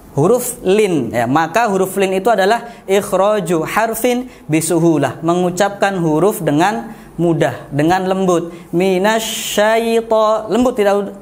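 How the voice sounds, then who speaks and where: A man's voice: sits high, darkish tone. A man with an Indonesian accent teaching Quran recitation step by step, drawing out example syllables and often correcting himself mid-sentence. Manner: slow, deliberate, drawls out example syllables; frequent self-corrections with "eh". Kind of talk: patient step-by-step tajwid lesson.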